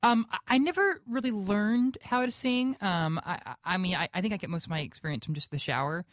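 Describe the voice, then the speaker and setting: A young man with a high-pitched voice answers questions as a radio guest. He talks haltingly, with lots of fillers and restarts. The sound is close and dry. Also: fairly bright tone, no room sound. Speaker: guest actor. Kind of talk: radio interview.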